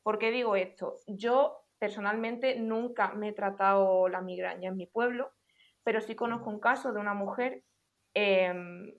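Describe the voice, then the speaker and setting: A young adult woman co-hosting a casual podcast, explaining points in a clear, organized way. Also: medium pitch, a little slow, narrow, tinny audio. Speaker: podcast co-host.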